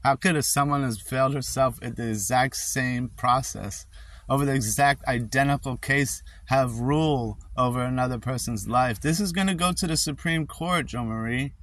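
A man's voice: mid-range voice, moderate pace, a bit bright, dry recording. A man pleading with a case worker on a phone call, insistent and repeating her name. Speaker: father in a custody dispute.

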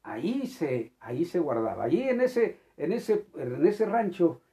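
A preacher delivers a sermon in a dark, gravelly voice. The pitch leaps and falls with great animation, swinging between loud emphatic bursts and quiet asides. Phrases are often repeated and restarted. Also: very animated, unhurried.

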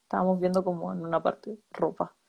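A young Chilean woman in casual chat, relaxed and slangy. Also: fairly low pitch, fairly quick, creaky, slightly rough, highs cut off. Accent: Chilean Spanish.

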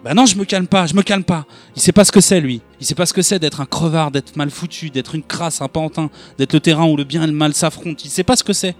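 A man's voice: a little high, steady tone, a little fast, hardly any pauses, faint music behind, natural voice. A man voicing a raging self-hating young thug. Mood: furious. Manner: raging, pleading, rough street slang. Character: young male street thug, bitter, self-loathing. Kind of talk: dramatic monologue reading.

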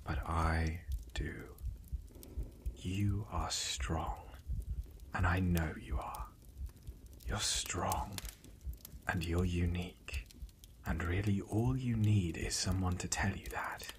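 A man giving gentle, reassuring ASMR relaxation in a soft spa-like whisper, in short phrases with pauses. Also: low voice. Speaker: ASMR guide.

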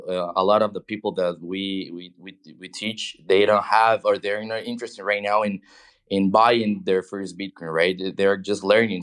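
A man with a fairly low voice talks as a guest in a relaxed interview. He restarts and repeats words often and ends his points with "right?". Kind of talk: casual interview talk.

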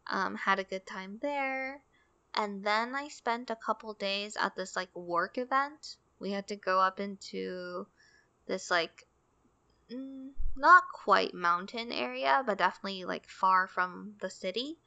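Bright, chatty young woman podcaster. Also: medium pitch, a little slow, gravelly, clean tone. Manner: chatty storytelling, acts out quoted lines. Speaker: podcast co-host. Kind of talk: casual podcast chat.

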